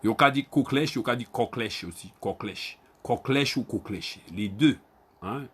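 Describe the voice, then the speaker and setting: Guadeloupean man slowly drilling Creole words. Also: mid-range voice, fairly bright tone, breathy edge. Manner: repeats words slowly, spells them out and calls on students by name. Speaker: Creole language teacher. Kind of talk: online Creole spelling lesson.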